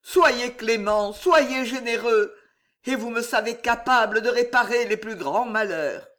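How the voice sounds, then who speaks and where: A man's voice: very high voice, measured pace, bright, forceful tone, pitched above the performer's own voice, exaggerated voice. A man voicing a frightened, ambitious young cleric who stammers and pleads with his superior. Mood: fervent confession. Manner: trembling, stammering pleas.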